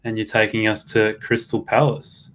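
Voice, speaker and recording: A man's voice: lowish voice, monotone, normal speed, a bit bright, a little hiss or hum. A man with an Australian accent hosting a live betting stream, upbeat and matey. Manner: upbeat, matey, calls everyone mate. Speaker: host.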